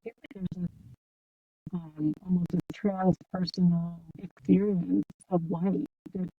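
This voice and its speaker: A woman speaking as a guest in a casual interview, reflective and soft-spoken, with many fillers. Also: on the low side, flat delivery, a little slow, phone-quality sound. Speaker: guest, meditation teacher.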